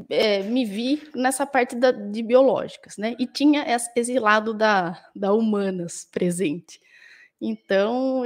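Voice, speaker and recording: A woman's voice: medium pitch, darkish tone. A woman dentist and author answering interview questions, thoughtful and full of restarts and tag questions, with a Brazilian accent. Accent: Brazilian Portuguese.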